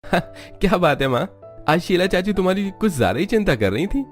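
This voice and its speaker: A man plays an eager young man in a cartoon story, lifted well above his own narrating voice. He pleads and reassures in a bright, earnest way. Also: high-pitched, sing-song, brisk, soft background music, pitched above the performer's own voice. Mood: pleading.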